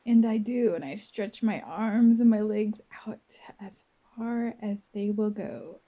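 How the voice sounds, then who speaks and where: This is a woman guiding a first-person visualization, her medium-pitched voice soft, breathy and dreamy. She stays gentle throughout and lets long, unhurried pauses settle between her lines.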